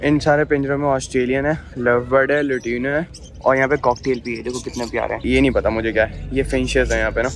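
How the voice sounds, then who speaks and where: A young man from Pakistan with a Karachi Urdu accent, giving excited casual vlog commentary while walking around an outdoor cattle show. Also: medium pitch, fast talker, a little hiss or hum. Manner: excited, exclaiming over animals. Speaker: vlogger.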